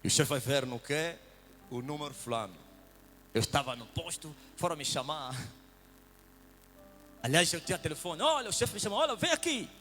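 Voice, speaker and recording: Animated high-voiced preacher. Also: male voice, moderate pace, long pauses, soft background music. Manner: swings from loud shouted praise to hushed whispers. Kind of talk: testimony sermon.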